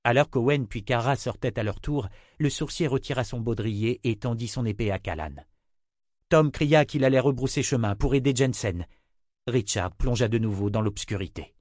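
A man narrates an audiobook chapter from a script, reading in a measured, expressive way. His voice is mid-range, and the clean studio recording has no room sound.

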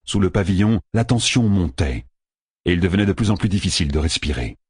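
A man narrates a fantasy audiobook in expressive storytelling, often dropping low for suspense. His voice is low and husky, with a lively rise and fall. The recording is dry and close. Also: brisk, no room sound.

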